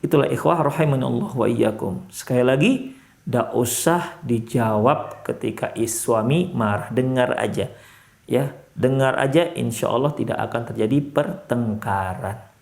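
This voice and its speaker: A male Islamic preacher from Indonesia with a Medan accent, giving a sermon in a mosque. He talks in an animated way, climbing sharply for emphasis and then dropping low and soft. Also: normal speed, vocal fry. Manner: animated, rises sharply in pitch for emphasis, drops low and soft when counselling.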